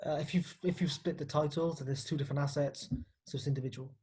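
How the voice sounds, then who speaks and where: A man, a mortgage broker guest, explaining lending plainly and quickly in a casual live Q&A. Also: on the high side, steady tone, dark tone, husky. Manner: explanatory, matter-of-fact, quick.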